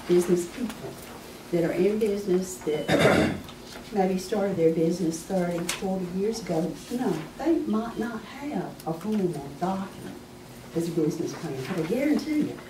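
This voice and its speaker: A woman presenting to an audience as a small business adviser, folksy and emphatic, her voice hoarse as she keeps clearing her throat. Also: mid-range voice, expressive, a little slow, background noise. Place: meeting room with an audience. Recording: echoey room from far off.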